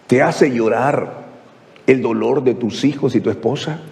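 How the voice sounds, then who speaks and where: A male pastor preaching a sermon, asking rhetorical question after question and swinging from hushed to exclaiming. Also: mid-range voice, a little slow, vocal fry, in a large hall. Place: church.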